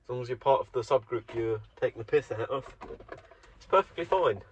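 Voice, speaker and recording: A German man records a solo vlog, rambling to himself in a wry, self-mocking monologue. He speaks briskly at medium pitch with lively intonation, and the close recording sounds dull and dry, with slight background noise.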